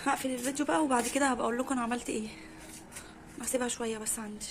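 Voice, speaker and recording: A woman speaking with an Egyptian Arabic accent records a casual vlog inside her apartment, addressing viewers directly with anxious exclamations. She talks rapid-fire in a fairly high, steady voice over background noise.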